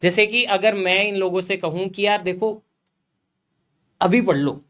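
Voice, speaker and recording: A man's voice: sits high, steady tone, a little slow, fairly bright tone. A young man telling students about failing and studying again, earnest and direct, often calling his listener sir. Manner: earnest, addresses viewers as guys and host as sir. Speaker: guest influencer. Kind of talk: motivational chat.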